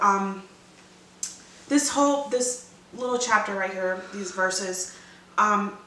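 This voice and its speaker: A woman's voice: medium pitch, bright, forceful tone, far from the mic, a little hiss or hum. A woman giving a casual, chatty devotional talk, rambling with fillers and restarts. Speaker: devotional vlogger. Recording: roomy echo from away from mic.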